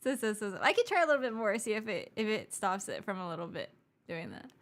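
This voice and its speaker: A woman's voice: medium pitch, sing-song, fast talker, fairly bright tone. A woman streamer with a stuffy nose, chatting casually and giggling self-deprecatingly into a desk mic. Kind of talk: casual live-stream chat.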